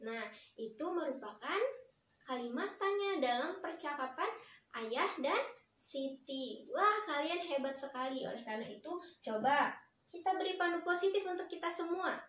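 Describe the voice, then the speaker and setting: A young woman student teacher leading a lesson for young children, encouraging and slow, clearly praising her pupils. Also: high voice, animated, a bit bright, a little hiss or hum. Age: young adult. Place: primary school classroom. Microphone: far camera. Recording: echoey classroom from far off.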